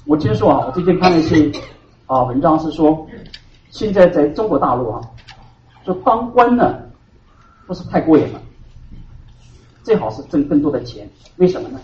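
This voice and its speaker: A man preaching a sermon to his congregation as their pastor. He hammers key words loudly, then drops to hushed asides. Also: fairly high pitch, very animated, normal speed, pauses often. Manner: emphatic preaching, swinging between loud stresses and hushed asides. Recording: roomy hall from a distant, dull mic.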